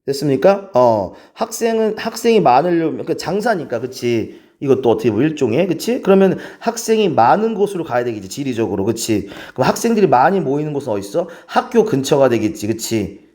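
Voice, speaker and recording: Man, teacher lecturing, lively pitch, mellow tone, keeps checking in with the class. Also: a little fast. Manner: keeps checking in with rhetorical questions. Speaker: English teacher. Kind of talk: lecture explaining English grammar.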